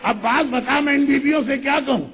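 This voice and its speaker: Very high-pitched man preaching passionately. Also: a bit bright. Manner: dramatic storytelling, voicing the figures in quotes. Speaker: religious orator. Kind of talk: impassioned mourning sermon.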